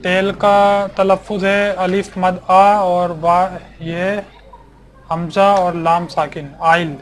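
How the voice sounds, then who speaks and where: A man teaching a basic English vocabulary lesson, spelling each word letter by letter and repeating it slowly. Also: high voice, level tone.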